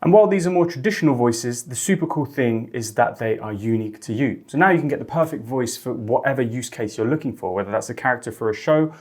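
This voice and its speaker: A man hosting a software tutorial, upbeat and chatty, explaining steps enthusiastically. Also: medium pitch, animated, fast, few pauses. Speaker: host.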